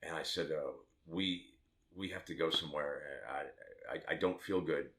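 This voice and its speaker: Man, fifties, very deep voice, rambling personal story, candid, self-mocking. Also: measured pace, a bit bright. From Las Vegas, Nevada, USA. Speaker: tattoo artist.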